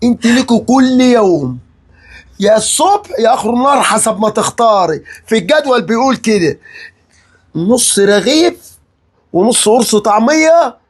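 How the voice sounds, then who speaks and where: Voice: medium pitch, expressive, moderate pace, husky. A performer playing a cruel middle-aged father-in-law in a comedy sketch, with an Egyptian accent and a mocking, threatening manner. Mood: ranting. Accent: Egyptian Arabic. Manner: barking threats, mocking repeats, rambling rants.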